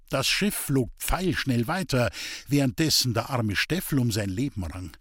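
Expressive male folk-tale narrator. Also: mid-range voice, slightly rough, no room sound, clean studio sound. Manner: expressive storytelling reading. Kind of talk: scripted folk-tale reading.

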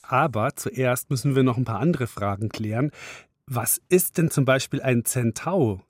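A man hosting a children's audio show, calmly explaining and asking the kids questions. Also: mid-range voice, normal speed, dry recording, studio quality. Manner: calm, asks the kids questions.

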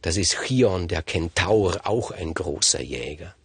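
A man retelling a Greek myth in a lively, conversational way with emphatic asides. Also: low-pitched, unhurried, breathy edge, dry recording. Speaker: storyteller. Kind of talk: freely told myth narration.

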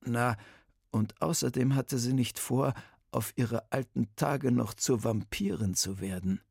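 Man narrating a story, gravelly. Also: mid-range voice, unhurried, a little mellow, no echo.

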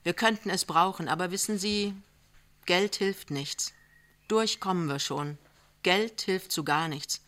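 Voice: mid-range voice, measured pace, sharp tone. A reader voicing a worried, earnest young wife in an audiobook reading, speaking with urgent, rising emphasis.

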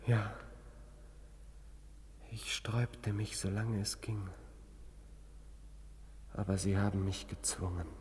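A man's voice: fairly low pitch, normal speed, slight background noise, close to an everyday voice. Radio play: male actor as a defiant asylum patient, bitter and sarcastic, long reverb. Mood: hushed. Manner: intense, bitter and sarcastic toward the doctor. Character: troubled young man held in an asylum, defiant. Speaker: patient confined to a sanatorium. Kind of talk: German radio play acting.

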